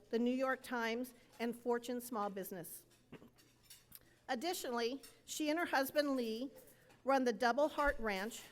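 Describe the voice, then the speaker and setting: A woman with a high voice reads a formal introduction from a podium microphone. Her words ring out with a long reverb in the hall around her. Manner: formal, scripted delivery. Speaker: event emcee. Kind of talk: reading an introduction. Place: event hall.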